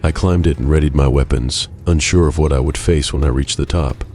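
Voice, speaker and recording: A man narrating a game playthrough as a first-person story in a measured, even way. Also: a bass voice, soft background music.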